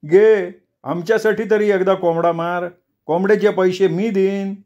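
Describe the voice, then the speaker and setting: A wheedling old village man pleads and boasts in a storybook reading, his voice lifted higher than ordinary talk and each phrase drawn out slowly. A male narrator puts him on. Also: fairly even intonation, dark tone, muffled recording, natural voice. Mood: coaxing.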